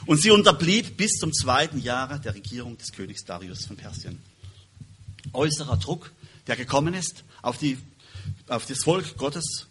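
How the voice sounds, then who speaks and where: A man preaching a sermon and reading Bible verses aloud, stressing words loudly and then dropping quietly, often restarting words. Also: mid-range voice, sing-song, moderate pace, slightly rough. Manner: emphatic, swings between loud stresses and quiet drops; self-correcting, restarts words.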